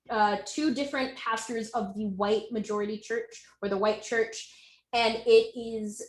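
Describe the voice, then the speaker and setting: A woman's voice: on the high side, a bit bright, roomy sound, poor audio. A woman author answering questions at an online book launch. She speaks casually and hesitantly, with many ums and self-corrections. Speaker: author being interviewed.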